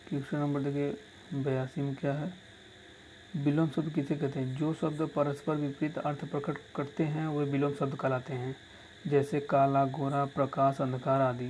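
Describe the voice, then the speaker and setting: A man's voice: on the high side, a little mellow, a little hiss or hum, low-quality recording. A male teacher dictating exam answers and repeating lines so students can write them down. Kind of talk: exam-prep lesson.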